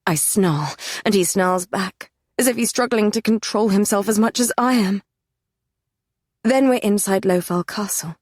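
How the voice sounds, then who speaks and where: A woman's voice: mid-range voice, unhurried, darkish tone, no room sound, studio quality. A woman narrating a first-person fantasy romance audiobook with an intense, dramatic delivery.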